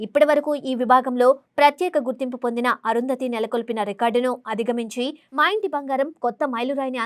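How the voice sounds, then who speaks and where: Female entertainment news narrator, high register, fast formal read of scripted copy. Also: dry recording, studio quality. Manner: formal reading delivery.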